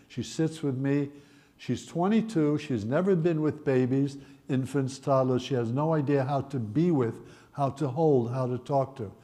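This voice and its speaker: A man in his eighties from the Netherlands, telling his life story in a wry, gently humorous way. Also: mid-range voice. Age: 80s. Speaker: Holocaust survivor speaker. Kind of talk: personal storytelling talk.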